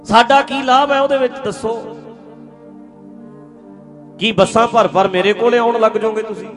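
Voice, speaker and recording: High-voiced preacher man over music. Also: fairly even intonation, moderate pace. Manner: earnest, asks listeners rhetorical questions and addresses them directly. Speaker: Sikh preacher. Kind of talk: conversational religious sermon.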